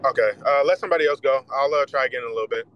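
A man's voice: medium pitch, rapid-fire, muffled recording, a little hiss or hum. Man on a breaking-up call line. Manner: hesitant, lots of "uh". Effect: bad, breaking-up call connection. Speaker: caller. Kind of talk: casual call-in chat. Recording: distant, patchy call line.

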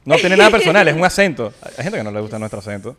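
A man's voice: on the high side, big pitch swings, racing, fairly bright tone. A man co-hosting a podcast, teasing his guest in casual chat. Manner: teasing, jokey. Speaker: podcast host.

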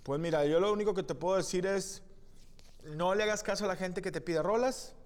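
A man's voice: sits high, fairly quick. A man with a Mexican accent co-hosting a podcast, chatting casually with crude jokes and acting out scenes. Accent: Mexican Spanish. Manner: crude, joking, acts out scenes. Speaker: podcast co-host. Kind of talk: casual comedic chat. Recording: long reverb.

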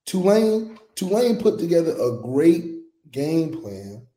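A man talks sports as a co-host, keeping it loose and jokey with plenty of animation. His voice sits a bit high but sounds mellow and dark in tone. The room adds a noticeable echo. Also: sing-song, slow pace. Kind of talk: casual sports talk. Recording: roomy echo.

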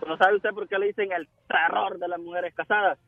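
Man, radio caller, animated joke telling, fairly high voice. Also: fairly quick, dry recording, narrow, tinny audio. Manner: animated storytelling, switches voices for characters.

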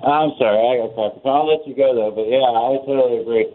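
A man from Iowa calls in to a radio show, muffled and faint as if heard through a wall. His mid-pitched voice rambles in halting, restarting bursts. The phone line is thin and tinny. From Iowa, United States. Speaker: radio call-in caller. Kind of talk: casual call-in chat.

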